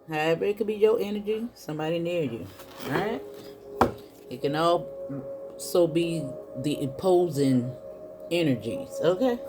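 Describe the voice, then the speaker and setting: A woman doing a casual spiritual card reading, chatting to her viewers and calling them y'all. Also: lowish voice. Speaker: tarot reader. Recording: soft music in the background.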